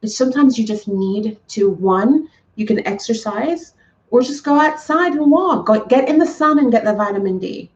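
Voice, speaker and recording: A woman's voice: a little high, expressive, moderate pace, a little mellow, distant mic, lo-fi sound. A woman hosting a casual livestream chat, talking to her viewers in an encouraging, emphatic way and often repeating herself. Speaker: livestream host.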